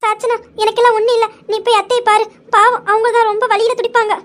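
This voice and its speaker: Woman doing a sweet polite young wife, high voice, always yes auntie. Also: level tone, fast talker, fairly bright tone. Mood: selfless. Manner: polite, eager, selfless. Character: sweet meek young daughter-in-law.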